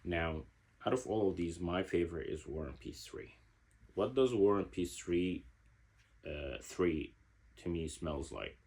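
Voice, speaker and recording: A man's voice: low-pitched, lively intonation, a little slow, darkish tone, husky. A man from Egypt, giving a casual product review in a reflective way and searching for his words. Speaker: fragrance reviewer.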